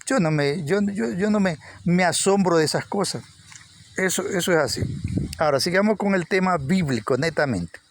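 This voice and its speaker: In a high voice at a moderate pace, a man preaches an informal Bible lesson, repeating words to stress them and lifting with energy here and there. A slight hiss or hum runs under the audio.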